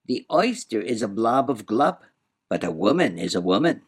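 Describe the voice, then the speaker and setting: Reading a storybook aloud, a man plays a riddling, boastful, whimsical old man full of proud, sing-song, muddled wordplay. The voice sits lowish, with a breathy edge, very animated delivery, and normal speed.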